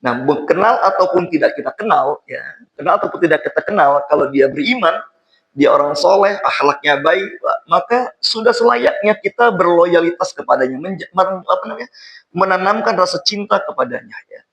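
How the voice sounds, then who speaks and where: A man's voice: high-pitched, lively intonation, a little fast, a bit bright, highs cut off. A man preaching an informal sermon to a congregation, repeating phrases and often addressing his listeners directly.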